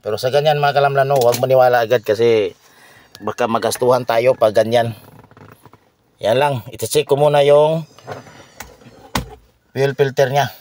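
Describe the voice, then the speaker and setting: A man, a mechanic explaining a car repair to viewers in a halting way, pausing and repeating himself. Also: medium pitch, steady tone, a little mellow, slight background noise.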